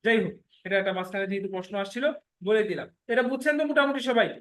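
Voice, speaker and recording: Male Arabic teacher, Bangladeshi Bengali, high bright voice, slow patient drilling, echoey room. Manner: slow drilling of letters and words, checks students often. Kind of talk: online class lesson.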